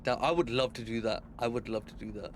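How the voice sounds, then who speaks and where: A man's voice: medium pitch, fast, a little hiss or hum. A young man streaming a game, chatting casually with viewers and swearing a lot. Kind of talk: casual live-stream chat.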